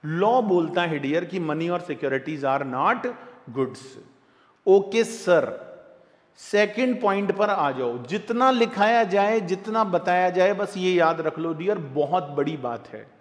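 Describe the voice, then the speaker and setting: A high-voiced man with an Indian accent teaches at an unhurried pace, repeating points and calling his students dear. His voice carries a long reverb, as if spoken in a hall. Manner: lively and repetitive, addressing students as dear. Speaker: tax lecturer. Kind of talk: classroom lecture.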